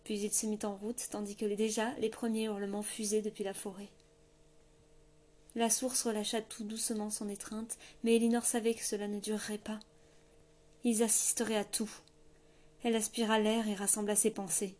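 A woman narrating a fantasy novel in a steady, measured storytelling voice. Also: mid-range voice. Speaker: audiobook narrator. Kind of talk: scripted narration.

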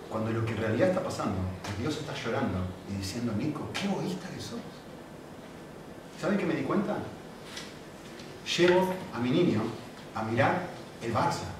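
A man preaching a sermon, telling stories in an animated way with acted-out quotes. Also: mid-range voice. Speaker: pastor. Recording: very echoey hall, distant mic, faint noise.

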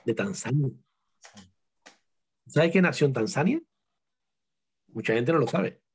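Animated husky Andalusian man. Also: medium pitch, measured pace. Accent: Andalusian Spanish. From Seville, Spain. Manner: emphatic, rhetorical questions, repeats words for stress. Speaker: author being interviewed. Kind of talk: casual interview talk.

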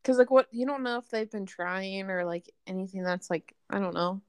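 A woman's voice: medium pitch, moderate pace, clean tone, no echo, studio quality. A young woman co-hosting a podcast, reacting to her friend's story with supportive comments and laughter. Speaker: podcast co-host. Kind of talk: casual chat.

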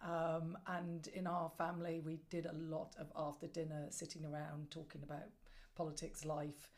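Woman, middle-aged, lower pitch, conversational interview guest, reflective, measured emphatic phrasing. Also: completely flat delivery, darkish tone. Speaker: podcast guest, storyteller and former broadcast journalist.

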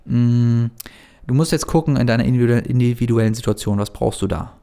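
A man talking fast and earnestly to the viewer about meditation and self-belief, in a casual motivational style. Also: mid-range voice, creaky, dark tone. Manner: fast-talking, earnest, addresses the listener directly. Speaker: self-help coach.

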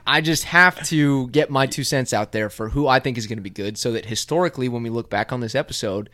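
A man's voice: mid-range voice, quick pace, pushed and bright. A man co-hosting a podcast, chatting casually and laughing at himself. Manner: chatty, self-deprecating, laughs easily. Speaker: podcast co-host. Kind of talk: casual chat about motocross.

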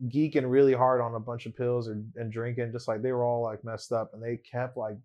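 Slangy young man, medium pitch. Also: flat delivery, fairly quick, a little mellow. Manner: slangy, loose, giggly when telling stories. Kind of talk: casual chat.

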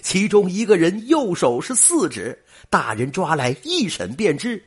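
A storyteller playing a stingy old landlord insists in a high, raised, husky voice. He pushes each phrase with lively swings in pitch. It is told as a spoken folk tale. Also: unhurried, full character voice. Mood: insistent. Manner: emphatic, pleading.

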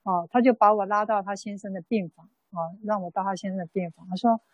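A Buddhist nun giving a dharma talk in an unhurried storytelling way, full of soft fillers. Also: female voice, mid-range voice, fairly even intonation, no room sound, lo-fi sound. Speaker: Buddhist nun teaching a sutra class.

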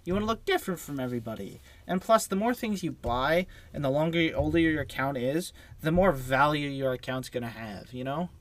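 Casual young man hosting, halting. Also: on the high side, expressive, no echo. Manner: rambling, halting, with many fillers and restarts. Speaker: podcast host. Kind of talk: casual student podcast chat.

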